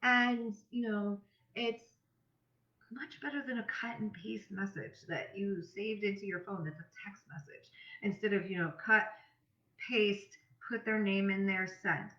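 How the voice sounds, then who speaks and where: A woman business coach talks through a tutorial casually and conversationally, dramatizing example messages. Her mid-range voice is fairly bright, with fairly even intonation and a measured pace, and the audio has a roomy echo and is slightly dull.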